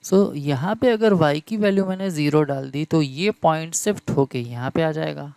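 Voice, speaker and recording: With a creaky, slightly high, darkish and smooth voice, a male lecturer works through a math class in Hindi peppered with English terms. He speaks slowly and deliberately, repeating key terms and checking in with students through questions, and there's no room sound.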